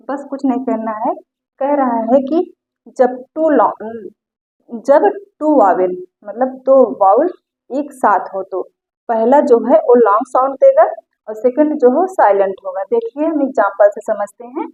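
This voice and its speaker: A woman's voice: fairly high pitch, darkish tone. Hindi-speaking woman teaching English, tinny sound. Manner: repeats key phrases, asks learners if they follow. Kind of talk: grammar lesson. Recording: tinny phone-like audio.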